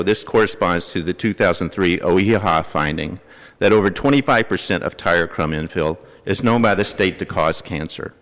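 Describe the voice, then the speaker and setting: A man giving a measured, factual prepared statement during public comment at a city board meeting. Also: low-pitched, a bit bright. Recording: long hall reverb.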